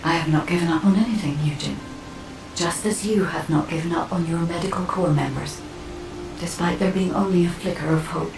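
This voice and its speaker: A woman voicing a composed, solemn artificial guide in a video game, with measured, formal speech. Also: fairly low pitch, music in the background, lightly acted. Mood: firm. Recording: roomy, distant, clearly noisy ambience.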